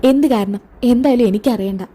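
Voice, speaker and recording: Woman doing a jealous young wife, high and whiny. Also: fairly quick, mellow, husky. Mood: hurt. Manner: whiny, accusing, raised pitch. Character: young married woman, jealous, tearful, spiteful.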